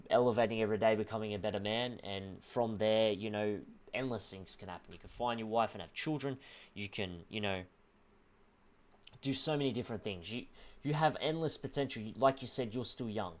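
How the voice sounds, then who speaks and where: A young man livestreaming, earnestly talking a viewer through loss in a halting, emotional way, close to tears. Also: on the low side. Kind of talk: emotional heart-to-heart with a viewer on stream.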